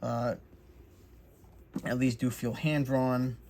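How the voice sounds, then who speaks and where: Male hobby host, mid pitch, laid-back and chatty with lots of fillers, faint noise floor. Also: slow. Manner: relaxed, chatty, many fillers. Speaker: crafts channel host. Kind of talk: casual unboxing walkthrough.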